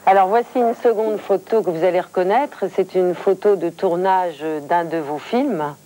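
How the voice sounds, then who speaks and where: Mellow-voiced woman interviewer, measured and eloquent. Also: fairly low pitch. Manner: measured, eloquent, building phrases in lists. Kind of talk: formal TV interview.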